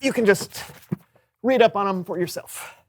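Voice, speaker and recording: A man's voice: high-pitched, normal speed. A man hosting a scripted children's comedy show, upbeat and fussy about rules.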